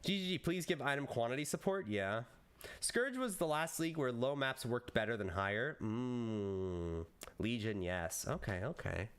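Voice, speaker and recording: Man, late 20s, streamer, casual live-stream chat, rambling, swears a lot, very lively pitch. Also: moderate pace, clear, resonant tone. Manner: rambling, animated storytelling with frequent swearing.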